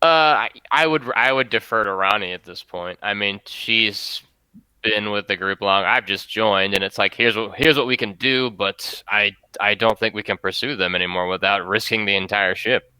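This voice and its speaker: A male tabletop player with a deep, sharply bright and clear voice. He talks casually and a little tentatively, thinking through options aloud. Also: steady tone, normal speed, no room sound, rough recording.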